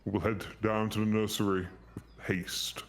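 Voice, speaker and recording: A man voicing a male cult commander whose booming voice carries from far off as he rallies his troops. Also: little pitch movement, normal speed. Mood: commanding. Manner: commanding, formal proclamation. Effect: booming voice carrying from far off. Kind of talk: game master voicing a figure.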